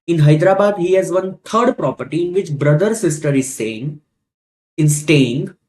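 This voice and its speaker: A man's voice: a little high, normal speed, darkish tone. A man with an Indian accent lecturing as a teacher, repeating key points and asking rhetorical questions in a didactic way. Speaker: tax teacher. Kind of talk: classroom lecture.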